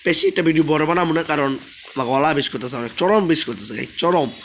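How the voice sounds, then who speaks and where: A young man, hoarse from a sore throat, chatting casually as he plays a game and keeps asking viewers to subscribe. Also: a little high, fast talker, fairly bright tone, slight background noise. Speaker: gaming channel host. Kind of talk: casual gameplay commentary.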